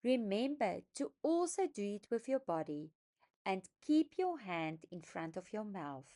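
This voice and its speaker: A woman talks through a phonics lesson at an unhurried pace, her pitch rising and falling widely as she stretches out vowels. Her delivery is patient and emphatic, and she sounds out each syllable clearly for teachers and children. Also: very animated, warm tone. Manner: slow, deliberate, emphatic teaching voice, sounding out words. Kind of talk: instructional lesson narration.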